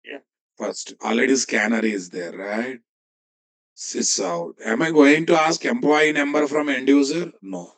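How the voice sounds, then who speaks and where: A programming instructor with a Telugu Indian English accent teaches a live coding lesson, dictating as he types, repeating phrases, and checking in with his students. His voice is mid-range and unhurried, and the recording is rough.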